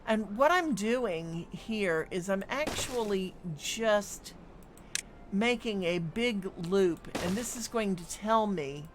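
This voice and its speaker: A woman with a mid-range, animated voice speaks slowly over background noise. She's streaming a city-building game and giving live commentary, thinking aloud with lots of hums and ums.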